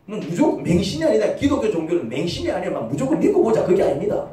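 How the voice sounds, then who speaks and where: Preaching in a church sanctuary, a pastor with a dark-toned, high-sitting voice is very animated and quick, firing rhetorical questions and acting out short quoted voices. The sound is an echoey church hall, his voice far from the mic.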